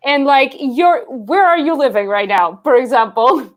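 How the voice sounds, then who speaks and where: A woman's voice: sits high, measured pace. A young woman from Portugal, hosting a live Q&A in a chatty way full of "like" fillers. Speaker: host. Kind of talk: live Q&A chat.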